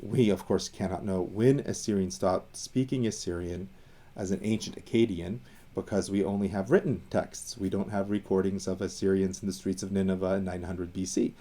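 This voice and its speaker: Deep and dark, this man's voice holds fairly even intonation at a normal speed. He's from Iran and teaches about Assyrian language and identity, explaining its history conversationally. Fillers and restarts mark his thinking aloud, and he lingers on the words he defines.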